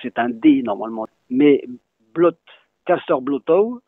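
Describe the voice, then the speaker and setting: A man with a gravelly, creaky voice that rises and falls a lot as he explains, spelling words out letter by letter. The sound is thin and phone-like, with a dry, close feel and no room echo. He talks like a patient teacher answering an interviewer. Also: fairly high pitch, expressive, measured pace. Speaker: Breton language teacher.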